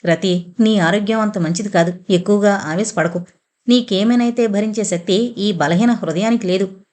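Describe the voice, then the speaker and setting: A woman's voice: medium pitch, normal speed, darkish tone, close to an everyday voice. A woman voicing a timid, loyal young friend who speaks anxiously and pleadingly in a storybook reading.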